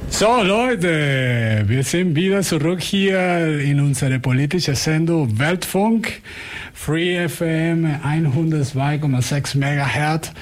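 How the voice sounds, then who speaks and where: A man's voice: on the high side, slow pace. A man with a foreign accent, not a native German speaker, hosting a casual radio chat and often repeating and rephrasing his words. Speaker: radio host.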